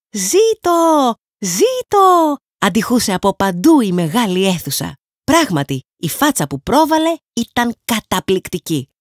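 A woman from Greece reading a children's audiobook in lively, expressive scripted narration. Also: medium pitch, dry recording. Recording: dry close studio sound.

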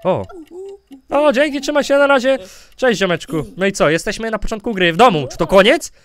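A man giving jokey let's-play commentary, goofing around with silly name twists and sudden loud outbursts. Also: high-pitched, lively intonation, fairly quick, slight background noise. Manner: goofy, jokey, mispronouncing names on purpose, bursts of loud outbursts. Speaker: gaming YouTuber.

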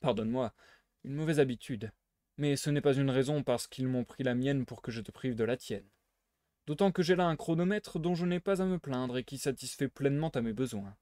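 A man voicing a suave, teasing gentleman thief while reading a novel aloud. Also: medium pitch, brisk, no room sound, natural voice. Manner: playful, teasing, smugly theatrical.

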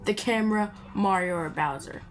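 Over background video game music and slight background noise, a woman speaks at a moderate pace in a mid-range voice. As a gaming video creator, she rambles playfully through casual commentary, talking to the game and its characters.

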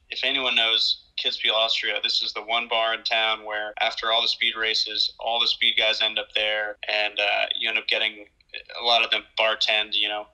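A man in his thirties, a pro ski racer, telling stories in a relaxed casual way on a home video call, often repeating words. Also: on the low side, low-quality recording. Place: small room at home. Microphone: video call webcam.

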